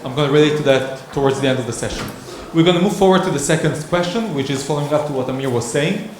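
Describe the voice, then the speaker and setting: A session moderator leads a workshop discussion in a conference hall, speaking hesitantly and thoughtfully with many restarts. His voice is a little high and a little mellow, and he talks fast. The hall is echoey, and there's a little hiss or hum on the recording.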